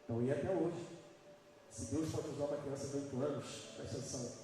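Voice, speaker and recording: Pastor preaching in an echoey hall. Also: male voice, medium pitch, quick pace, background noise. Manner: emphatic, questions the audience. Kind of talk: live sermon to a congregation. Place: church hall. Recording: echoey hall from far off, music behind.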